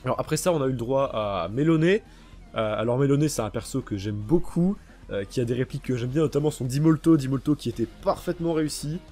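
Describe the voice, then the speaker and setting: A man's voice: medium pitch, fast, a little mellow. A man casually reviewing a dubbed anime, enthusiastic and rambling, with lots of fillers and restarts.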